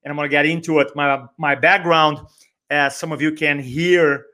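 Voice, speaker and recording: A Brazilian man whose first language is Portuguese speaks energetically as a guest on a podcast interview, where he's introduced as a speaker and trainer. His voice sits a little high for a man and has a sharp tone, fairly even intonation, and a moderate pace, with a Brazilian accent. He repeats words for emphasis and acts out snippets of dialogue while telling his story.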